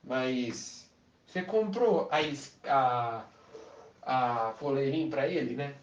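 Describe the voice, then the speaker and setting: A calm, persuasive pet shop salesman, voiced by a man telling a story, talks in a steady, easy tone. The sound is roomy and dull. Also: medium pitch, slow pace, natural voice. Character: smooth-talking male pet shop salesman. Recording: echoey, distant, dull sound.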